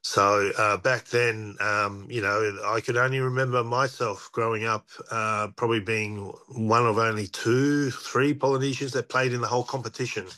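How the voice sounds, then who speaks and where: A man, a former rugby player talking as an interview guest in relaxed, reflective stories full of restarts. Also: medium pitch, moderate pace, hardly any pauses. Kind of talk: casual interview chat.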